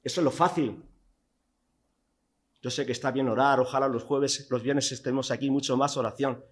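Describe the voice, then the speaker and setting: A man from Spain, preaching a sermon in a church hall, telling the story vividly with rhetorical questions and swings from loud to hushed. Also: medium pitch, fairly even intonation, normal speed.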